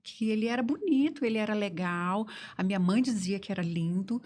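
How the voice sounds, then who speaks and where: A woman hosting a podcast, telling an animated story in casual conversation and laughing often. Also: medium pitch, fairly quick. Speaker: podcast host.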